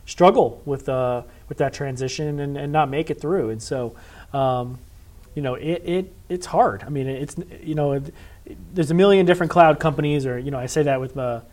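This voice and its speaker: A man's voice: fairly high pitch, normal speed, a little mellow. A man hosting a casual podcast, talking in a rambling way with many restarts. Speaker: podcast host.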